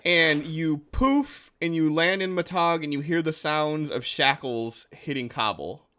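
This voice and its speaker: A man's voice: on the high side, expressive, unhurried, sharp tone. A man running a tabletop role-playing game as game master, narrating in a laid-back way.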